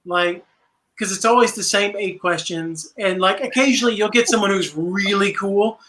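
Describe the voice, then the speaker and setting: A man's voice: sits high, background noise. A man hosting a casual interview, chatting and agreeing readily with his guest. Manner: agreeable, quick affirmations. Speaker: interview host.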